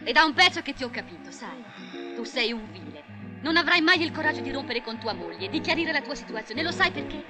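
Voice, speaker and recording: Film comedy: a bitter mistress, high and quick, over score. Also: female voice, very animated, music in the background. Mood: scornful. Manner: bitter, accusing. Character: scornful secretary and mistress, woman. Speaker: secretary. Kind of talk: 1980 film comedy acting.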